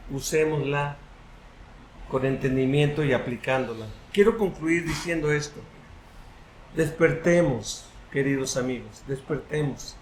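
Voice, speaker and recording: A man's voice: fairly high pitch, echoey room, a little hiss or hum. A man preaching a sermon as pastor, earnest and direct, quoting imagined listeners and closing in prayer. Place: church hall.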